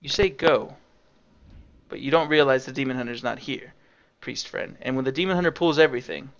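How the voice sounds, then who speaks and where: A man's voice: medium pitch, fairly quick, fairly bright tone, muffled recording. A young man giving casual, sarcastic commentary over his own gameplay, swearing freely as he explains what he is doing. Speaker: game streamer.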